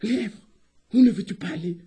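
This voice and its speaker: A man puts on a small, helpful squirrel that asks curious questions in a light, raised voice. The tone is a little husky. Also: high voice, moderate pace, warm tone, voice pushed up.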